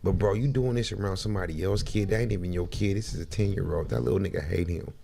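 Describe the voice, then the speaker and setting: Male streamer, low gravelly voice, slangy mocking reaction commentary. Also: fast, mellow, a little hiss or hum. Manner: laughing, mocking, slangy banter.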